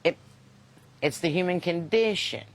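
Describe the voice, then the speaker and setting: A woman's voice: lowish voice, expressive, a little slow. A woman from Kentucky with a Southern US accent chats casually to livestream viewers as host, folksy, unpolished and wisecracking. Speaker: host and singer chatting with live viewers.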